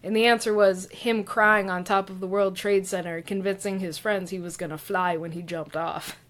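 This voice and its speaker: A woman's voice: mid-range voice, steady tone, normal speed, fairly bright tone. Female podcast guest, casual and chatty, filler-heavy delivery. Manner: chatty, many fillers, laughs often. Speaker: podcast guest, dungeon master.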